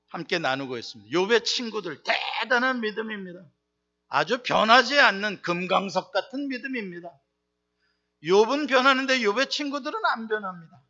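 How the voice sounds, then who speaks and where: A man pastor delivers a sermon in a very high, bright voice. He drives his points home with rhetorical questions and swings from loud bursts to quiet asides. The recording is dull and lo-fi.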